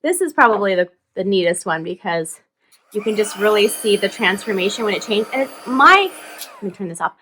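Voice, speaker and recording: A woman's voice: medium pitch, lively intonation, a little fast, fairly bright tone, slight background noise. A middle-aged woman hosting a casual craft tutorial, chatty and upbeat, thinking aloud as she works.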